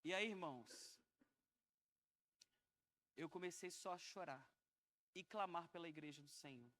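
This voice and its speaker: A man's voice: on the high side, measured pace, fairly bright tone. A man with a Brazilian Portuguese accent giving an earnest, emotional sermon testimony to his congregation. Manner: earnest, emotional, addresses listeners as brothers and sisters. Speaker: preacher.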